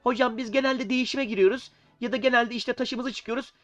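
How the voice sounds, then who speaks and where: A man's voice: very high voice, steady tone, a little fast, fairly bright tone, no echo, voice pushed up. A man voicing an eager, earnest young chess student asking questions in a pleading tone, while he has a cold. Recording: dull sound with faint music.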